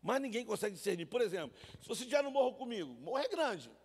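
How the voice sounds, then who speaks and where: A man's voice: sits high, very animated, rapid-fire, slightly rough. A man preaching a sermon in church, telling stories and calling his listeners brothers. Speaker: pastor. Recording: reverberant church hall.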